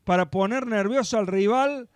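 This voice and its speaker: A man giving measured, analytical comments alongside a live youth football broadcast. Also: high voice, clear, resonant tone, dry recording, clean studio sound. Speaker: match analyst.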